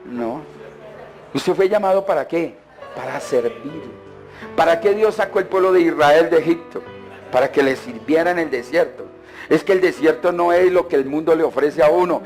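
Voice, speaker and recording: A man's voice: a little high, darkish tone. A male pastor delivering a sermon, throwing questions at the congregation and mocking churchgoers in put-on voices.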